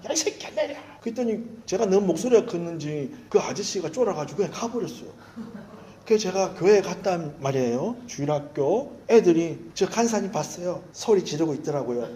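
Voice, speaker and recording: A male pastor preaching a sermon, telling candid, self-mocking stories in an animated way. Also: high voice, fairly quick, roomy sound, a little hiss or hum.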